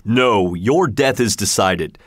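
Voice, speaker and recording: A fierce male genie spirit who speaks slowly and with grim command, as a man reads him. His tone is steady and unyielding. The sound is dry and close. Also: on the low side, breathy edge, dry recording, heavily acted. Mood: stern. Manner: slow, stern, commanding.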